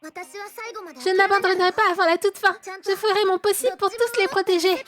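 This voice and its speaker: A woman's voice: extremely high pitch, steady tone, moderate pace, soft background music. A woman with a French accent voicing a timid but resolute teenage girl, reading game dialogue aloud on stream. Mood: earnest. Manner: sincere, soft-spoken and resolute. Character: timid, earnest teen girl finding her courage.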